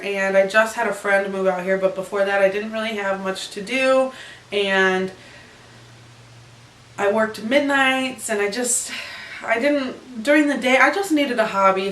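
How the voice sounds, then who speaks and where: A woman's voice: medium pitch, fairly bright tone, slight background noise. A young woman vlogging in a casual, rambling chat, giggling as she answers questions in her bedroom. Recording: echoey room, camera far off.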